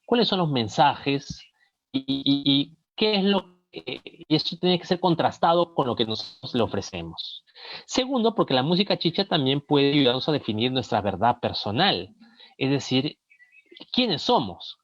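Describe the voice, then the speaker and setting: A man's voice: medium pitch, very animated, normal speed, a bit bright, dull audio. A man with a Peruvian Spanish accent giving a recorded lesson, explaining each point and reading song lyrics aloud to make it. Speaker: lecturer.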